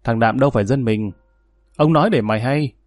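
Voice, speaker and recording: Man doing male gang boss, menacing, harsh threats, dark tone, audiobook. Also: medium pitch, a little fast, no room sound, studio quality, soft background music, lightly acted. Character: tough male gang leader, cold and menacing.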